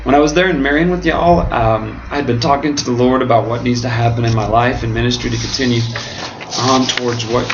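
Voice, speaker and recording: An American man speaking earnestly and haltingly in a reflective monologue, his mouth swollen after oral surgery as if numb from the dentist. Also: medium pitch, steady tone. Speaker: pastor and seminary student. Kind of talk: reflective monologue to camera, answering questions. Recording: dull lo-fi home video, clearly noisy.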